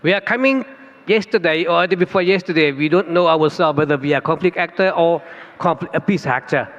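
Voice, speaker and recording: With a Thai accent, a man from Thailand delivers an earnest conference keynote in English, his second language, building up to emphatic stress. His voice is fairly high, fairly quick and a bit bright, captured in a reverberant hall with dull, lo-fi sound.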